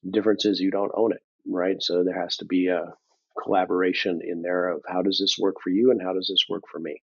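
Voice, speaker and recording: A thoughtful older man talking through his experience as an interview guest, pausing on ums and slipping in dry humor. His voice sits a little low, and the sound is dull and lo-fi, close and dry with no room around it. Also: flat delivery, vocal fry, slightly rough, no room sound. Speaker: interview guest, business leader. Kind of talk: conversational interview.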